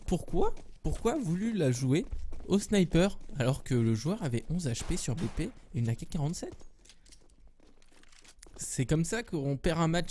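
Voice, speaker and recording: A man casting a live esports match alone, rambling and joking between plays, with quick bursts of excitement at big moments. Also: on the high side. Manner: jokey, rambling, self-mocking asides. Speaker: esports caster. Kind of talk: solo live game commentary.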